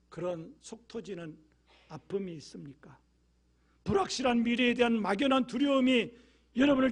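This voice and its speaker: A male pastor preaching a sermon. He drops to hushed, low asides, rises to loud, emphatic appeals, and acts out quoted prayers with emotion. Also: breathy edge.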